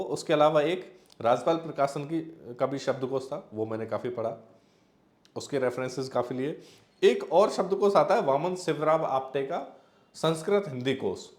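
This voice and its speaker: A man's voice: on the high side, a little mellow, roomy sound. A man teaching exam preparation, talking it through in a conversational way with repeated examples and fillers. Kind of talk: explanatory exam-prep talk.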